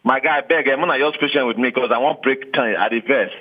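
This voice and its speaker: A man's voice: medium pitch, quick pace, a crowd in the background. A man with a Nigerian accent speaking Nigerian Pidgin as a caller, casually giving his opinion. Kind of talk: casual opinion on a call-in show. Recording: thin, narrow phone line.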